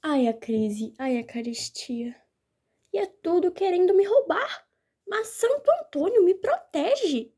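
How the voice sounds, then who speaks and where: A woman's voice: high voice, big pitch swings, a little slow, dark tone, husky, full character voice. A woman playing a miserly, fearful old man who wails and complains in a stage play. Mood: lamenting. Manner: wailing, complaining, prays to a saint.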